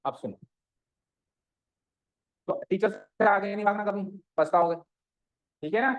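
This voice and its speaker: The lo-fi clip captures a male maths teacher with a high voice teaching at a measured pace. He questions his students, repeats their responses, and uses English maths terms along the way.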